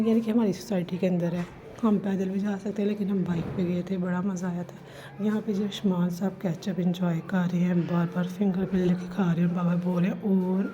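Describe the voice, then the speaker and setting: A chatty woman narrates her day for a home vlog, homely and talking straight to her viewers. Her voice is mellow and soft-edged. The recording is a little dull, with faint household ambience behind her. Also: on the low side. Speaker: vlogger. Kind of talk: casual vlog voice-over. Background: faint household noise.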